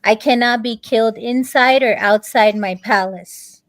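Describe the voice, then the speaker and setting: A woman's voice: a little high, measured pace, no room sound, lightly acted. A woman voicing an arrogant, mocking male demon king in a retold story, in a scornful, taunting manner. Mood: demanding.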